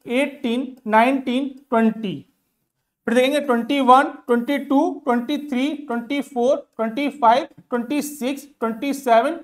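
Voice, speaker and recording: Speaking in a very high voice, a male math teacher guides students through exam preparation, mixing English terms into his Hindi. He keeps asking rhetorical questions only to answer them himself, addresses everyone affectionately as "my dear," and counts out numbers in an even rhythm.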